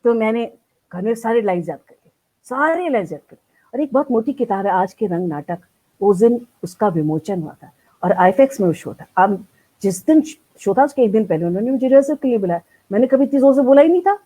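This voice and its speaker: An older woman, a veteran theatre artist, telling stories from her life in a lively live-streamed interview and acting out the lines she quotes. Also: fairly high pitch, fairly quick, low-quality recording. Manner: animated, acts out quoted lines.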